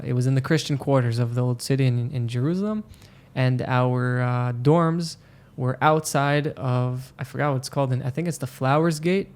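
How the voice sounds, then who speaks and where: A man from Israel sits in as a podcast guest and recounts his experiences in a loose, unhurried chat. His voice sits at an ordinary middle pitch. He keeps pausing on "um" and "you know" as he works through each story. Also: darkish tone, clear, resonant tone. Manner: hesitant, full of "um" and "you know" fillers.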